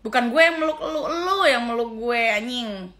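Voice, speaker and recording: A middle-aged woman talks straight to camera in a casual reaction rant, scornful and quick to exclaim in disgust. Her voice sits a little high and comes across bright and sharp. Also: lively intonation. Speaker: vlogger.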